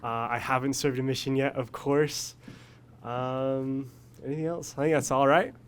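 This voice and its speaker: A man's voice: mid-range voice, level tone, moderate pace, slight background noise. An eighteen-year-old man answering panel questions in an upbeat, enthusiastic way. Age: teens.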